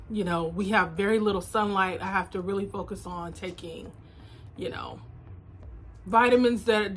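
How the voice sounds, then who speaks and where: A woman's voice: medium pitch, a bit bright. A woman in her thirties talking candidly and casually to her viewers, calling them y'all, filmed on a phone camera. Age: 30s. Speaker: vlogger. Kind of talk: casual confessional chat to viewers.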